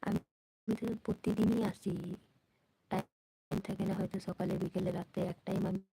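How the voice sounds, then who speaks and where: A woman hosting a live stream from home at night, speaking softly and quietly and coaxing her viewers to comment and chat. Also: medium pitch, steady tone, normal speed, gravelly, slightly rough, low-quality recording. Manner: speaks softly and quietly so a sleeping baby stays asleep.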